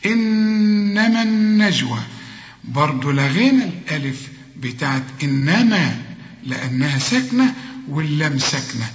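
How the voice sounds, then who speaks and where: A man with an Egyptian accent teaching Quran recitation rules, saying each word slowly and then explaining and correcting. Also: fairly high pitch, sing-song. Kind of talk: tajweed lesson. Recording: echoey room with long reverb, dull lo-fi sound.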